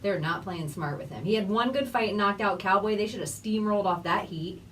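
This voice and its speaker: A woman co-host in casual podcast chat, animated and quick to laugh. Her voice is middle in pitch and sits a little back from the microphone. A faint background hiss stays under her talk. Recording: distant mic with faint ambient noise.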